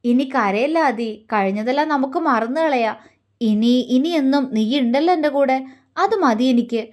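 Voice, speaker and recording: A devoted young husband, tender and earnest with a light teasing edge, as a woman reading the story puts him on. The voice sits high, and he speaks softly in a storybook manner. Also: moderate pace, natural voice. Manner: soft, earnest, gently teasing.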